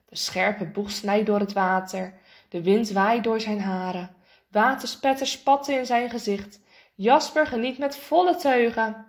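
A woman reading a children's storybook aloud in a lively way, acting out the characters' lines. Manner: lively, voices the characters' lines with raised pitch. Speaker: narrator.

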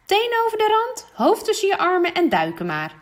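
A woman voicing a kind, patient young female swim teacher who talks gently and encouragingly. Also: extremely high pitch, wildly swooping pitch, normal speed, voice pushed up, heavily acted.

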